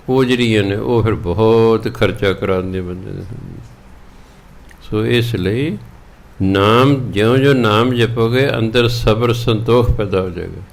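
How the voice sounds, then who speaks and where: A man preaching a Sikh scripture sermon with a Punjabi accent, chanting verses slowly and then explaining them in plain talk. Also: medium pitch.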